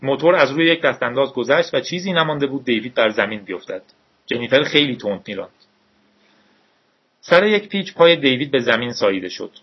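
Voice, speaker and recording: Husky man reading a novel aloud. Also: mid-range voice. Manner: steady, measured storytelling. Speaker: audiobook narrator. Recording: dull lo-fi recording.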